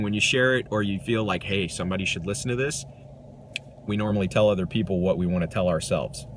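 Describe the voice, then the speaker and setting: A man's voice: on the low side, a little hiss or hum. A man giving an earnest, reflective self-help monologue to camera, rambling a little with restarts. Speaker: vlogger.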